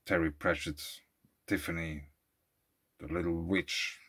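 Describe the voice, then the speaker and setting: A man's voice: deep voice, fairly even intonation, slow pace, fairly bright tone, slightly rough. A man from Switzerland vlogging outdoors by a lake, reading facts and then rambling into loose, thinking-aloud asides. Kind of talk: casual musing monologue. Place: outdoors at a lakeside beach.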